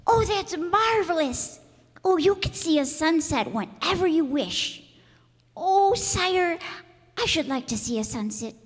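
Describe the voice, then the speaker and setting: Woman acting high, lilting Little Prince, innocent boy. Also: lively intonation, measured pace. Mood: eager. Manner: earnest, wide-eyed, plain-spoken. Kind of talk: radio play acting. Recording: echoey hall, long reverb.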